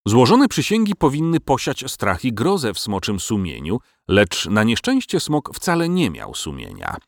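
A man narrating a storybook audiobook in an expressive, storytelling manner. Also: mid-range voice, normal speed, dry recording, studio quality.

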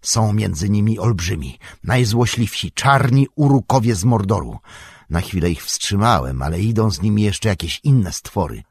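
Male reader as old wizard leader, solemn and urgent, low husky voice. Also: expressive, moderate pace, no room sound. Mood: grave. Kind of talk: audiobook character reading.

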